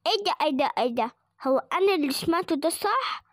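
A woman playing a whiny, defiant little dog boy in a kids' cartoon, egyptian accent, squeaky high and dry. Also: expressive, fast talker, no echo. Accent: Egyptian Arabic.

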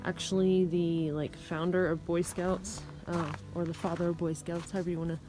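A young woman talking casually to her phone camera while hiking a mountain trail, relaxed and chatty with plenty of fillers. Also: fairly low pitch, moderate pace, over music. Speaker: thru-hiker vlogger. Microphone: phone held at arm's length. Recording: noisy outdoor phone recording.

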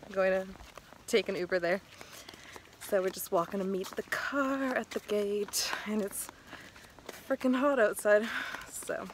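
A woman's voice: mid-range voice, steady tone, unhurried. A young woman in her twenties chatting casually to her camera in a vlog, laughing easily. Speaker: vlogger. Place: home and outdoors in hot weather. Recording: noisy handheld camera audio.

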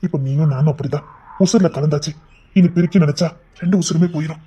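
A man playing a brash young husband who blusters and then softly reassures his wife in an amateur audio drama. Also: fairly high pitch, slight background noise, close to an everyday voice. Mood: tender. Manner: fast, blustering, then soft and coaxing.

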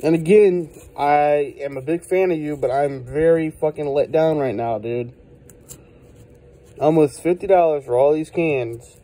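A man records a casual handheld review at his desk. His voice sits a little high for a man and has a soft, mellow tone. He talks bluntly and profanely, sounding exasperated. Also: a little slow, poor audio. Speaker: product reviewer. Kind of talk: casual handheld video rant. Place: indoors at a desk. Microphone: handheld phone.

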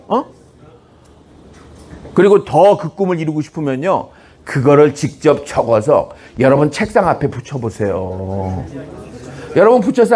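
A middle-aged man delivering a comedy lecture to high schoolers, his voice pitched high for a man and swinging widely in tone. His delivery is teasing and punchy, and he keeps tossing out "어?" to fish for the students' reaction. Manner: breaks into shouted examples and squeaky student impressions.

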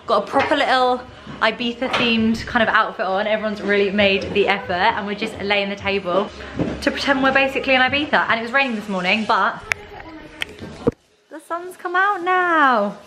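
A British woman in her twenties chatting casually and excitably to a handheld vlog camera at a hen party. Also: a little high, moderate pace, background noise. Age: 20s. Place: busy bars and a house kitchen. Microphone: handheld camera at arm's length. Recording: loud music and party crowd behind.

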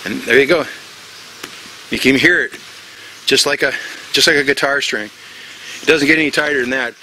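Bright-voiced man teaching knots outdoors. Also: mid-range voice, normal speed, a little hiss or hum. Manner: plain, step-by-step, repeats himself with fillers. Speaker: bushcraft instructor. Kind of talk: casual outdoor knot demonstration. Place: outdoors in tropical forest.

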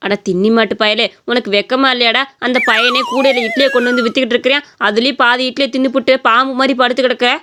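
A woman's voice: fairly high pitch, fairly even intonation, fast talker, hardly any pauses, background noise, natural voice. A woman voicing a stern, protective old village grandmother in a cartoon story. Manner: scolding, stern.

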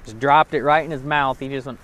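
A man's voice: medium pitch, fairly even intonation, a little fast, fairly bright tone. Laid-back man vlogging on the ice. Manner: laid-back, chatty, jokey. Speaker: fishing channel host. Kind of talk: casual outdoor vlog narration. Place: outdoors on a frozen lake. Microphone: body-mounted action camera.

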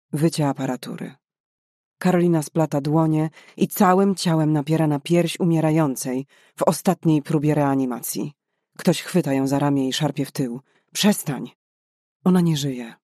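A man narrating a novel in a measured, dramatic reading voice. His voice sits a little high for a man, and the recording is dry and close, with no room echo. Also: darkish tone. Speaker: audiobook narrator. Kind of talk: scripted narration.

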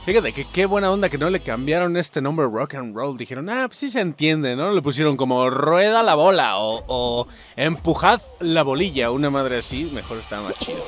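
A man's voice: fairly high pitch, moderate pace, few pauses. Mexican guy streaming a game, cussing and hollering, voice jumps all over. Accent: Mexican Spanish. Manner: excitable, swearing, yelling at the game. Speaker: gaming YouTuber. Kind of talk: live gameplay commentary.

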